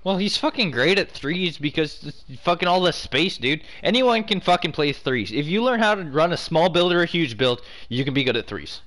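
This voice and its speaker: A man's voice: on the high side, big pitch swings, moderate pace, hardly any pauses, fairly bright tone. A young man in casual gaming chat, trading crude, sweary banter. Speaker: online hockey game player.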